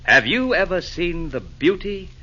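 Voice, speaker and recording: An actor playing a jolly, generous, fussing old Santa Claus in rhyme, in 1940s radio drama style. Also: male voice, high voice, big pitch swings, measured pace, bright, forceful tone, exaggerated voice. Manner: hearty, rhyming theatrical delivery. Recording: dull 1940s radio broadcast recording.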